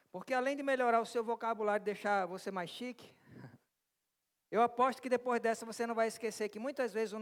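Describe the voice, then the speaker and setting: Um pastor brasileiro pregando e fazendo perguntas à congregação, com um jeito animado e bem-humorado. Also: male voice, high-pitched. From Brazil. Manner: lively, asks the congregation questions and jokes with them. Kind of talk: interactive sermon. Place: church hall. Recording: long church reverb.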